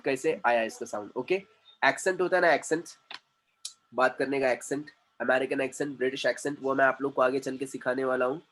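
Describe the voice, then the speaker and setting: A man teaching an English grammar class in Hindi, repeating each word slowly for his students. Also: medium pitch, slight background noise. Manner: slow, repeats words for students to echo. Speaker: communication trainer.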